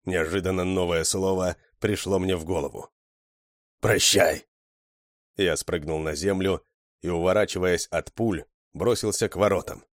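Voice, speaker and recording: A man with a very low voice narrates a story in steady, scripted style. His reading is even and measured. The sound is close and dry. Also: dry recording. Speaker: audiobook narrator.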